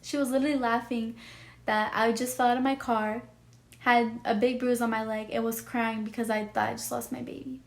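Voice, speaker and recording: A woman's voice: fairly high pitch, flat delivery, fairly quick. A nineteen-year-old woman telling a personal story in a vlog, emotional and rambling, full of "like" and "you know". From Texas. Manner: emotional, rambling, heavy use of "like". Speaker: vlogger.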